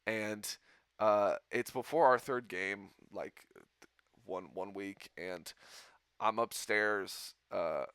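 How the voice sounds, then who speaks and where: A man's voice: lowish voice, slow pace, a bit bright, clean tone, dry recording, studio quality. A man hosting a podcast, telling a rambling story in casual chat and laughing often. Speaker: podcast host.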